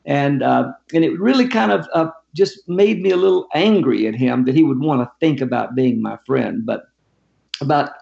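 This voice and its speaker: A man's voice: mid-range voice, normal speed, gravelly, muffled recording. An older man, a guest author, telling a story in an interview and acting out the people in it. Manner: animated storyteller who acts out quotes.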